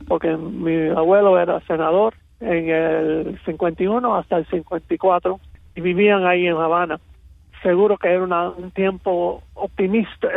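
A man from Miami with an American accent in his Cuban-rooted Spanish, telling personal stories as an interview guest, halting and slipping in English words. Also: high voice, creaky, no room sound, narrow, tinny audio. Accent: American-accented Spanish with Cuban roots. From Miami, United States.

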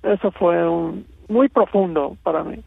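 A man from Miami with an American accent in his Cuban-rooted Spanish, telling personal stories as an interview guest, halting and slipping in English words. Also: sits high, vocal fry, breathy edge, no echo, phone-quality sound. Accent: American-accented Spanish with Cuban roots. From Miami, United States.

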